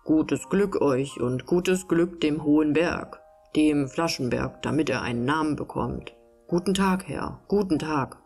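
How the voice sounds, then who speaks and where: A poor, eager farmer man, as a woman reading a storybook puts him on, polite and plain-spoken. He talks in a low, even voice with hardly any change from the narrator's own. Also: measured pace, faint music behind. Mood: joyful.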